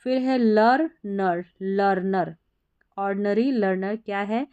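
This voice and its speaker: A woman's voice: medium pitch, slow, darkish tone, clear, resonant tone, dull audio. A woman teaching English spelling and reading, spelling words out letter by letter, then explaining their meanings.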